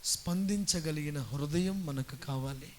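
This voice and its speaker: High-voiced man preaching a sermon. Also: unhurried, slight background noise. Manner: storytelling preacher who builds to loud, forceful exhortation. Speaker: pastor. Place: church worship service.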